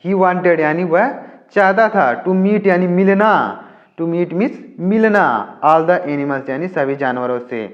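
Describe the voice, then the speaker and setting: A man's voice: sits high, highs cut off. Hindi-speaking man teaching English from a story. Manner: reads English lines slowly, then explains each word quickly. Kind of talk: explaining a story line by line in Hindi.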